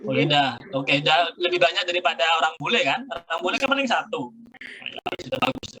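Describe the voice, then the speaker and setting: A man's voice: a little high, a little fast, pushed and bright, a little hiss or hum, poor audio. A middle-aged male university lecturer explaining a grammar lesson, switching between Indonesian and English.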